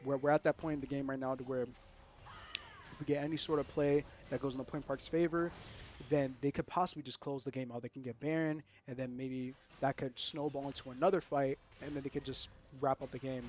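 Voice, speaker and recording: A young man casting a college esports match, excitable and quick to laugh, often repeating himself. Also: mid-range voice, slight background noise. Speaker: esports caster. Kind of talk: live game commentary.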